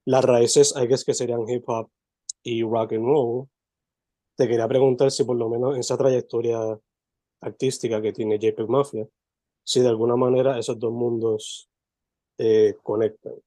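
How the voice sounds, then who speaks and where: Guy hosting a podcast, mellow dark voice, super chill, dry close mic. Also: medium pitch, normal speed, dry recording. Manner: relaxed, loose, code-switching between languages. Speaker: podcast host. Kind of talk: casual interview, mixing Spanish and English.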